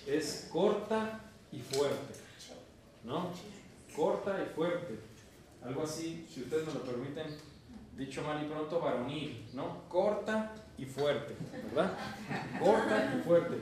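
Slow-talking northern Mexican teacher in echoey class. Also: male voice, on the high side, darkish tone, recorded from a distance, slight background noise. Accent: northern Mexican Spanish. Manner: joking, quizzes students by name, repeats sounds slowly. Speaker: Esperanto teacher. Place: university classroom. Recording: very echoey classroom taped from afar.

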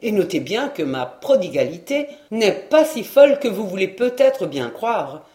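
A woman reads a classic novel aloud, measured and expressive. Her voice sits at a middle pitch. The recording has a roomy echo. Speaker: audiobook narrator. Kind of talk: scripted narration of a classic novel.

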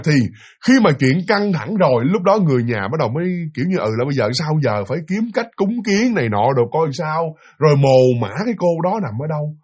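A man telling a ghost story in a lively, chatty way, talking straight to his listeners. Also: fairly high pitch, breathy edge. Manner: animated, addresses listeners directly, acts out quotes.

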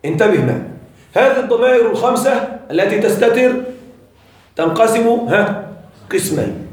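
Guy teaching grammar, high voice, lots of echo, keeps asking if everyone gets it. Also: lively intonation, moderate pace, a little mellow. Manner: checks often that students follow, repeats key points. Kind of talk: classroom grammar lesson. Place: classroom with students. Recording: very echoey room, voice far from the mic.

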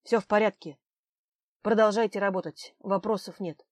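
A woman's voice: mid-range voice, fairly even intonation, moderate pace, darkish tone, no room sound, close to an everyday voice. A woman reading a curt, formal male police officer.

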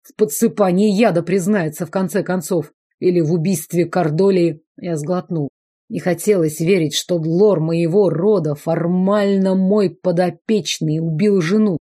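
A woman reading a first-person fantasy novel aloud in even, measured scripted audiobook narration. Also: on the low side, slightly rough. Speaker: audiobook reader.

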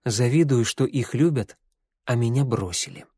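A man voicing a calm, quietly bitter young wizard in an audiobook. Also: medium pitch, moderate pace, slightly rough, dry recording, studio quality. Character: bitter, self-pitying young male wizard. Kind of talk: audiobook character voice.

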